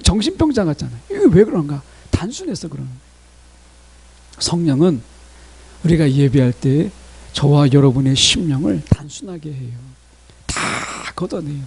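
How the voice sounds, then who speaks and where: A man preaching a sermon as pastor, talking straight to his congregation in an animated way. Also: on the high side, normal speed, creaky, pauses often, husky.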